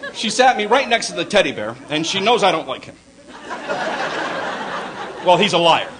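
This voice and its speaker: An older man doing a stand-up comedy routine on a club stage, telling gruff stories and putting on squeaky voices for the people in them. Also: very animated, normal speed, crowd noise, noisy background. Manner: gruff storytelling, puts on high squeaky voices for kids and wife.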